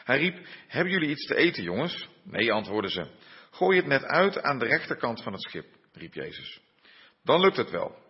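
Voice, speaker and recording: A man preaches a sermon, pausing and hesitating as he goes, then reads a Bible passage aloud. His voice is a little husky. He sounds dull and muffled, with a long reverberant tail from the church hall. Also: mid-range voice, sing-song. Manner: unhurried, with frequent hesitations and fillers. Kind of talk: sermon with scripture reading.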